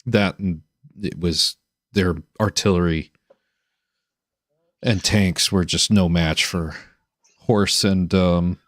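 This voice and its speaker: A man hosting a casual chat on a video call, halting, with many restarts and fillers. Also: low voice, steady tone, a bit bright, dry recording, clean studio sound. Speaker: host.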